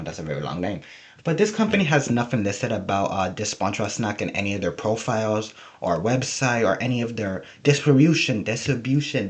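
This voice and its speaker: A man giving casual, humorous, rambling video commentary, often interrupting himself, who says a w-like sound for r. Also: on the low side. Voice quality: trouble pronouncing R, says w-like sound for r. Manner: rambling, jokey, self-interrupting. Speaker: video host.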